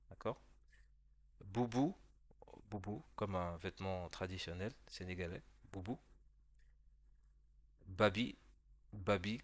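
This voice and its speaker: A man teaching a beginner language lesson in a patient, explaining voice-over, pausing to check the listener follows and sounding out syllables slowly. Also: sits low, a bit bright. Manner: spells out sounds slowly for repetition.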